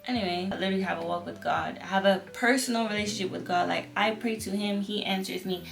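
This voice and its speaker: A young woman talks casually and personally, like a vlogger sharing a testimony. She has the fervent, earnest manner of a new believer and repeats phrases to stress them. Her pitch is middling, and music plays softly underneath. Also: quick pace, creaky.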